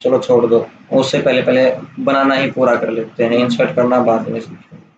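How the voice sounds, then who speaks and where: Man, software tutor, relaxed chatty explaining, echoey room, faint background noise. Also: mid-range voice, normal speed. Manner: casual, explains step by step with "theek hai" checks. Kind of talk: screen-recorded software tutorial. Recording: roomy, dull lo-fi sound with faint hiss.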